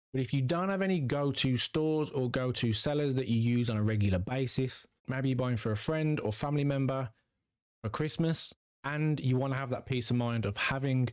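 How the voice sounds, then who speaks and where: A man's voice: medium pitch, dry recording, studio quality. A man hosting a card-collecting channel, talking casually and upbeat straight to his viewers. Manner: chatty, upbeat, addresses viewers directly. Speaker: trading card channel host. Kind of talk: casual video commentary to viewers.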